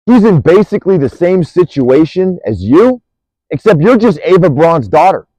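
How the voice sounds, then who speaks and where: A man's voice: on the high side, very animated, moderate pace, mellow, no room sound, rough recording. A man delivering an angry, profane monologue, accusing and rambling, restarting sentences as he goes.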